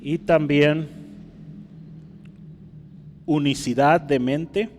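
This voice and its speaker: A man's voice: on the high side, steady tone, very slow, a little mellow, slight background noise. Reverberant male preacher, teaching tone. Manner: teaching, explains Greek words while writing on a board; addresses listeners directly with frequent rhetorical questions. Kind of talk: expository sermon. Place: church hall.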